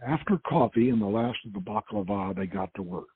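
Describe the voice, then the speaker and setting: A gravelly, mid-range male voice with big pitch swings and a slightly fast pace gives a dramatic reading of an adventure novel he wrote and is hosting. Now and then he stumbles and repeats words, and the audio is muffled and lo-fi, like a phone.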